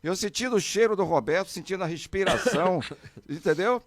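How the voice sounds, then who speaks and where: A middle-aged man, telling a story as a podcast guest and acting out quotes in a high, excited voice. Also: fairly quick, no echo. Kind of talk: animated storytelling.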